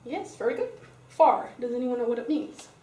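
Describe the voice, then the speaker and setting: A woman's voice: a little high, expressive, moderate pace, warm tone. Young Dutch woman teaching in an echoey classroom. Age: young adult. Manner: explains step by step, calls on pupils by name. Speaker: student teacher. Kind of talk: classroom grammar lesson. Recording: roomy classroom sound, mic far away.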